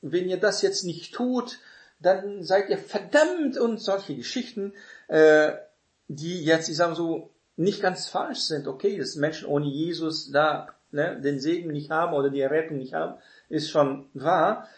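A man's voice: a little high, unhurried. A man giving a conversational sermon, full of fillers and tag questions, acting out quoted voices as he explains. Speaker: preacher. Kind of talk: sermon teaching. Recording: echoey room.

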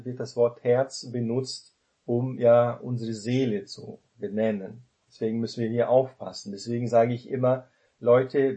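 Man, Bible teacher, informal study talk, unhurried delivery, mellow low-toned voice, chatty with filler tags. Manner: conversational, full of filler tags and restarts.

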